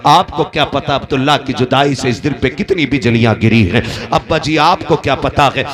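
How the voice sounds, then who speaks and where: A man preacher voicing a grieving young widow who weeps and pleads, getting louder as she cries out. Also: medium pitch, fairly quick, a crowd in the background, close to an everyday voice. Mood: tearful. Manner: weeping, rising to loud cries.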